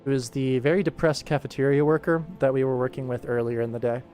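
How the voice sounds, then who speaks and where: A young man hosts a live work stream, rambling casually as he talks through his animation work. His medium-pitched voice is level, fast, and a bit dark, with soft music playing in the background.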